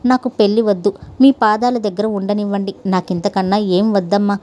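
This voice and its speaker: Brief: woman reading as a frightened young housemaid, meek and pleading; warm, mellow voice, audio story. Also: medium pitch, fairly even intonation, a little fast, close to an everyday voice. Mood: tearful pleading. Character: young orphaned maid, timid and fearful.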